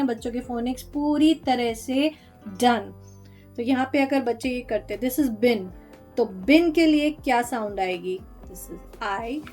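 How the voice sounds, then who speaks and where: A woman's voice: sits high, a little mellow. A woman teacher walking through phonics worksheets, sounding out letters one at a time in a patient, explanatory way.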